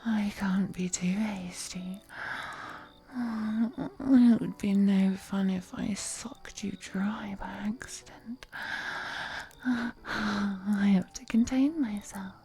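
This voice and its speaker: A woman voices an ancient vampire seductress in an intimate roleplay audio drama with music underneath, whispering slowly in a breathy, mellow, medium-pitched voice with a steady tone. Heavily acted, she is flirty and possessive, teasing and purring endearments, sounding sated and tender.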